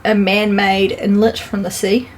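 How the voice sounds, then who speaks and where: A woman's voice: mid-range voice, flat delivery, a little slow. A woman from New Zealand co-hosting a vlog, chatty with many fillers and frequent laughs, out walking by a river. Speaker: vlog co-host. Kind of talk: casual chat.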